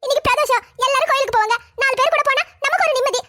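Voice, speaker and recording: A performer doing a shrill complaining cartoon wife. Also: rapid-fire, pushed and bright. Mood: self-pitying. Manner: shrill, complaining, self-pitying. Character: fretful, complaining young wife and mother. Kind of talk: cartoon family drama voice acting.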